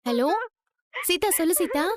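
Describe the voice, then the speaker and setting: An actress playing a young wife and worried older sister in a Tamil TV serial, talking urgently. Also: female voice, extremely high pitch, expressive, measured pace, no echo, clean studio sound. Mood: calm. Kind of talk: TV serial acting.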